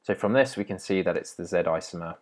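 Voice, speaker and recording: A man's voice: low-pitched, quick pace. A young man teaching chemistry step by step in a patient, explaining way, with small restarts. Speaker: chemistry tutor. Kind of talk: explaining at a whiteboard.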